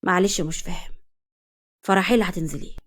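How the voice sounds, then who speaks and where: A woman with an Egyptian accent voicing a cold, possessive, jealous young husband in a read-aloud story, speaking low and menacing. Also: quick pace, close to an everyday voice. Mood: puzzled. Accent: Egyptian Arabic. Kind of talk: storybook reading.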